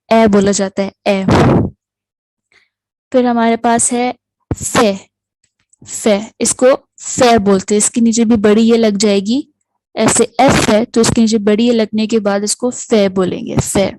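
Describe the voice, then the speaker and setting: A woman with a fairly high voice teaches letters one at a time, patiently repeating every sound. The voice-over is close and dry, with no room sound behind it. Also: dark tone, no echo, poor audio. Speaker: language teacher. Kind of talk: alphabet lesson, slow explanation.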